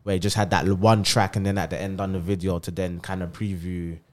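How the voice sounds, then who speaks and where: Man, London accent, lower voice, casual slang, rambling explanatory talk. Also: flat delivery, quick pace, darkish tone. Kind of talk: casual chat on music.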